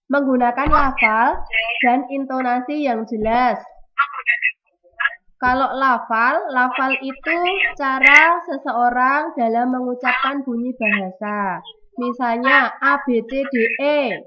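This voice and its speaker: A woman teacher giving an online class lesson over a video call, explaining slowly and repeating key terms. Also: a little high. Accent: Indonesian. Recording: dull lo-fi audio with clear noise.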